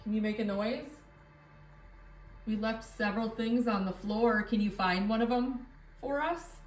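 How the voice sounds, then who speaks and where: A woman's voice: a little high, measured pace. A woman on a ghost hunt asking unscripted questions of spirits in a room indoors. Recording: echoey room, distant from the mic.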